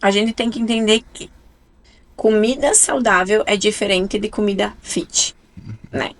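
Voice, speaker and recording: A woman in her forties from an Italian-settled region of southern Brazil speaks with an Italian-influenced southern Brazilian Portuguese accent. Appearing as a nutrition speaker on a casual radio podcast interview in a radio studio, she is chatty and emphatic, using tag questions, in a mid-range voice that runs a little slow.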